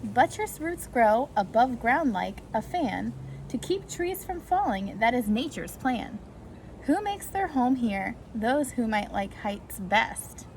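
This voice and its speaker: Reading slowly in a slightly high, somewhat mellow voice with big pitch swings, a woman shares a rhyming picture book with preschoolers. Her storytime delivery is sing-song for the little ones, with occasional brief asides, captured in a clearly noisy amateur recording.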